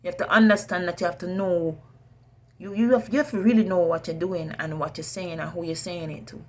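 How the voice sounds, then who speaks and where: A woman's voice: lowish voice, fairly even intonation, brisk. A woman chef with a Jamaican accent on a furious, indignant personal rant, emphatic and repeating phrases in heavy patois.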